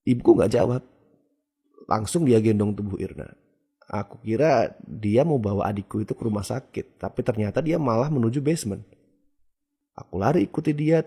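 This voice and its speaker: A man with a low, dark, husky voice tells a first-person horror story. His delivery is casual and conversational, like confiding to a friend.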